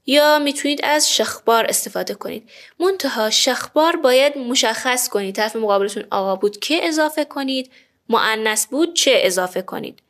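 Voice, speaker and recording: A woman teaching a spoken language lesson, saying each phrase and then repeating it slowly and clearly. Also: on the high side, expressive, a bit bright.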